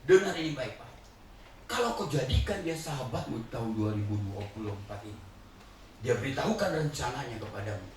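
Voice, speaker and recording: Older man preaching in an echoey church. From Indonesia. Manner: swings from hushed and low to loud, laughing shouts. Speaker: pastor. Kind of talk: sermon. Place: large church hall. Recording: echoey hall, distant mic, faint hiss.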